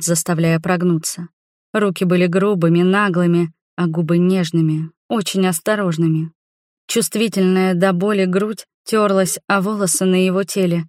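A woman narrating a novel in the first person with an expressive, emotional reading. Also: on the low side, no echo, studio quality. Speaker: audiobook narrator.

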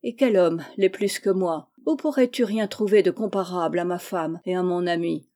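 A woman's voice: lowish voice, moderate pace, warm tone, natural voice. A woman reading the part of a proud, hot-tempered young male warrior in a novel, with indignant exclamations.

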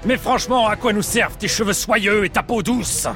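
A woman's voice: mid-range voice, normal speed, fairly bright tone, soft background music, close to an everyday voice. Woman doing a scornful warrior prince. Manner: scolding, contemptuous. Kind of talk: radio drama for children.

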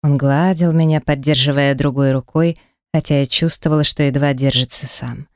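A woman narrating a first-person romance audiobook in an intimate, breathy manner on a close studio mic. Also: sits low, steady tone, normal speed, darkish tone, no echo.

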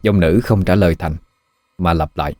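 A man narrating a horror story in a measured, even way. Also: deep voice, no echo, clean studio sound. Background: faint music.

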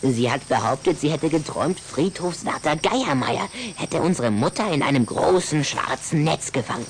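Radio play role: young vampire boy played by a performer, haughty and reproachful, very animated, slight noise behind. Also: mid-range voice, moderate pace, close to an everyday voice. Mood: explaining, grudging. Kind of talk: German radio play dialogue. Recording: faint background noise.

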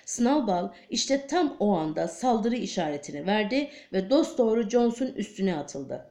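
A woman reads a novel aloud as an audiobook narrator, steady and measured. Her voice is mellow and warm, at an average pitch. The recording sounds roomy, with clear echo. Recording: echoey room.

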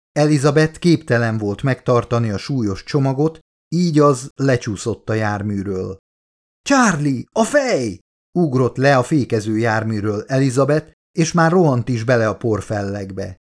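Man calmly narrating an audiobook. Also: mid-range voice. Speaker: author reading his own audiobook. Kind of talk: scripted narration.

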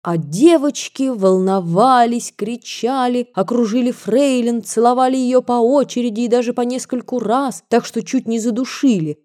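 A woman narrating a classic novel aloud in a measured, expressive reading style. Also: a little high. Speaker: audiobook narrator.

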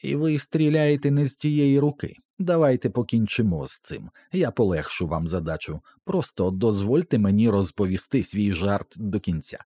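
A man reading the lines of a cornered middle-aged woman detective in an audiobook, steady and defiant. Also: fairly low pitch, moderate pace, few pauses, dry recording, clean studio sound.

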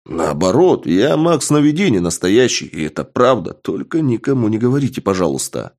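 A man voicing a brazen, excitable young male suspect who talks in a cheeky, mock-earnest way in an audiobook. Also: lowish voice, moderate pace. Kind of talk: audiobook character voice.

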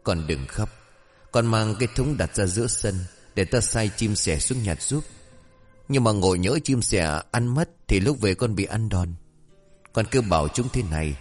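A man voicing a kindly, wise old fairy spirit who gently comforts a girl in a folk tale. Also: lowish voice, big-room sound.

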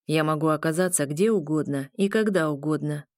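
A woman's voice: low voice, brisk, dry recording, studio quality, close to an everyday voice. A woman voicing a boastful, sly male legate guard in an audiobook. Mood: smug.

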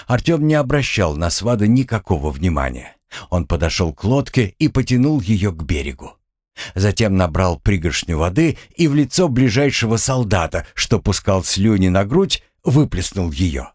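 A man reading a fantasy novel aloud as an audiobook narrator, in a measured storytelling manner. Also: deep voice, very animated, darkish tone, no echo, studio quality.

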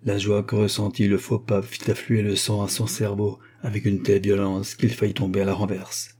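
A man narrating a classic novel in a measured storytelling voice. His tone is low and dark, with a husky grain to it. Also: monotone. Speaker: audiobook reader.

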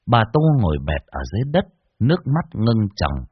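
A man narrating a scripted horror story with an expressive, varied delivery. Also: on the low side, brisk, muffled recording, slight background noise.

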